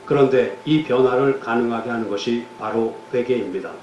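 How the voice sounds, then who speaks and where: A man preaching a sermon as pastor, measured and solemn, then leading a prayer. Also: mid-range voice, darkish tone, roomy sound, lo-fi sound, slight background noise. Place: church sanctuary.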